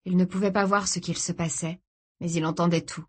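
A woman reading a novel aloud as an audiobook narrator, steady and even. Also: fairly low pitch, brisk, husky. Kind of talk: scripted narration.

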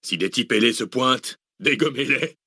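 A man's voice: fairly low pitch, expressive, moderate pace, bright, forceful tone, no echo. A man voicing a cynical, brutal male mercenary chief who barks orders and mocks, in a dry audiobook reading. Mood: mocking. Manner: barking orders, mocking laughter.

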